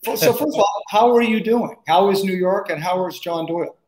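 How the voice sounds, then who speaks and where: Upbeat older host in a roomy studio. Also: male voice, sits high, fairly quick, darkish tone. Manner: upbeat, effusive, repeats words. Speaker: show host. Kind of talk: hosting a video interview. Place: small studio set indoors. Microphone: studio microphone close up. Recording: roomy echo.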